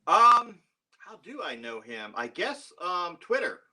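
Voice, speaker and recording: A laid-back man chatting as a podcast guest, his voice bright and forward. He talks easily about music and laughs often, tossing in short agreeing replies between longer thoughts. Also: high voice, sing-song, slow pace. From Florida, USA. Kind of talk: casual podcast chat.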